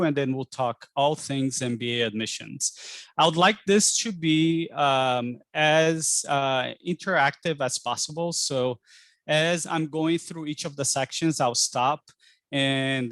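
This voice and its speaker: A chatty, friendly Brazilian man, an admissions director, hosts a webinar info session from his home pottery studio, dropping frequent ums. His medium-pitched voice has a fairly bright tone and comes over a video call with no room sound.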